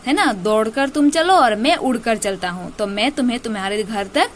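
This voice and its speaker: A woman's voice: fairly high pitch, expressive, moderate pace, background noise, natural voice. A woman teacher voicing a kind male owl who reassures a lost fawn in a storybook tale. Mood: reassuring. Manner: reassuring, coaxing.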